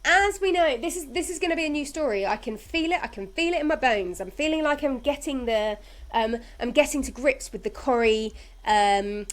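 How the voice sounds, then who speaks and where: A woman with a voice pitched a touch high talks through the week's soap plot in relaxed, chatty fashion. She tells the story with lively energy and playful asides. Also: moderate pace. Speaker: podcast host recapping a soap. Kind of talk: casual chat.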